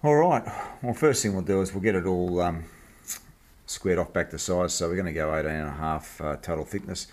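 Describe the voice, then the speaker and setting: With a deep, steady voice and a fairly quick pace, an Australian man walks viewers through a hands-on machining job in his home workshop. He's the easygoing, blokey host of the series, keeping things informal. A little hiss or hum is audible.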